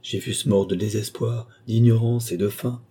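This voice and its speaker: A man's voice: on the low side, fairly even intonation, moderate pace, dark tone, breathy edge. A man voicing a proud, stoic young commoner who answers with defiance in an audiobook reading. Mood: defiant.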